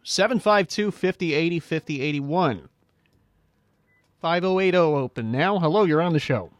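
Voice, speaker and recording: Smooth, easygoing male radio host. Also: a little high, animated, normal speed, no room sound, clean studio sound. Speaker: radio call-in show host. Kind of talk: casual local radio call-in chat.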